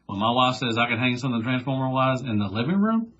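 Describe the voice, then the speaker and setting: A husky-voiced man chats on a podcast over a dull, lo-fi recording. He is enthusiastic and gushing, and he circles back over his own points. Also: medium pitch, very animated, fast, a bit bright. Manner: enthusiastic, gushing, repeats himself. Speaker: podcast co-host. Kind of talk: casual chat.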